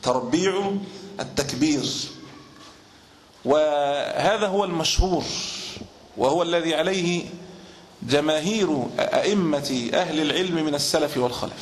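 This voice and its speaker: A man giving a religious lesson, explaining texts at a measured pace and now and then chanting phrases to show how they are done. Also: fairly high pitch. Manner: measured explanation, sometimes chants the call to prayer to demonstrate. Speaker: Islamic teacher. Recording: echoey room with faint ambient noise.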